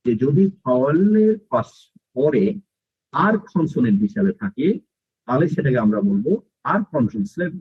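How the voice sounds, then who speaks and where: A man's voice: mid-range voice, expressive, normal speed, long pauses, breathy edge, no room sound, dull audio. A man teaching a phonics class to children online, explaining step by step and putting questions to his pupils. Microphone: video call.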